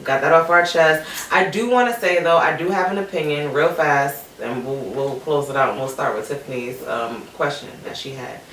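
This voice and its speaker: A woman's voice: deep voice, normal speed, hardly any pauses, a bit bright. Blunt, laughing woman podcast host. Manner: blunt, laughing, swears freely. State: tipsy. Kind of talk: casual chat. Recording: echoey room, mic far off, faint noise.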